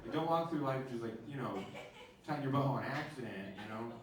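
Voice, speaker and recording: A man's voice: mid-range voice, lively intonation, fast talker. A man doing a stand-up comedy set in a club, chatting with the crowd and asking "right?" a lot. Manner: conversational crowd work, lots of "right?". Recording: echoey club, distant mic, background noise. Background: audience laughter.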